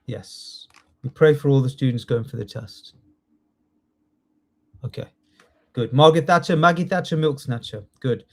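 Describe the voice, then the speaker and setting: A man teaching a live online class, lively and coaxing, repeating key words slowly for his students. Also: medium pitch. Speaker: test training tutor.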